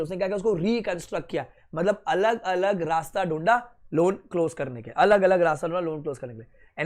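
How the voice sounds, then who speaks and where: A man's voice: sits high, darkish tone. A man giving a lecture, quizzing his students and answering his own questions as he mixes Hindi and English. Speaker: teacher. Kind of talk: classroom lecture.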